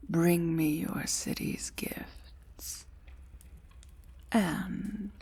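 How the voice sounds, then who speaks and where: In a gentle fantasy ASMR roleplay, a woman voices a commanding, menacing dragon queen, her medium-pitched delivery breathy, frequently whispered, and exaggerated. She speaks in formal, imperious language.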